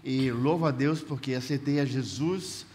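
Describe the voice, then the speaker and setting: A man's voice: medium pitch, moderate pace, darkish tone. A man working as the interpreter, repeating a preacher's phrases in the first person and sometimes restarting mid-phrase. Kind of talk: consecutive interpretation of a sermon. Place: church hall. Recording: echoey church hall, faint noise.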